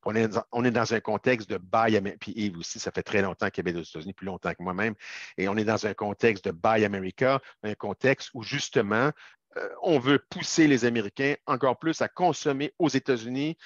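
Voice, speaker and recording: A low-pitched man with a Québécois French accent gives a casual, chatty explanation in a webinar. He keeps turning to the audience with quick asides and tag words. The dull, lo-fi sound is dry and close, as over a video-call microphone. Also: no echo. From Quebec. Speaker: webinar presenter, business lawyer.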